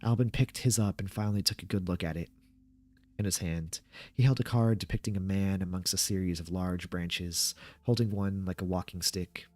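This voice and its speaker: Low voiced guy reading a creepy story, measured and subdued, really dry sound. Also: fairly even intonation, a little mellow, no room sound. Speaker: narrator reading horror fiction aloud. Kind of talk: scripted horror story narration.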